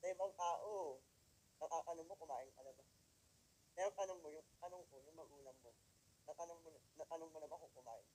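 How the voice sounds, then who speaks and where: A man from the Philippines with a high-pitched voice tells his story to a live audience in an emotional testimony. He speaks straight to the crowd with pointed rhetorical questions. He jumps from loud, emphatic lines to quiet, hushed ones. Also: fairly even intonation, fast talker, a little hiss or hum, low-quality recording. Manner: swings between loud emphatic lines and quiet near-whispers. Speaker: motivational speaker at a company event.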